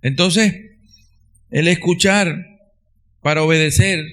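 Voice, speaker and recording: A man's voice: a little high, slow, a bit bright. A man preaching a sermon, earnest and emphatic, repeating key phrases for stress.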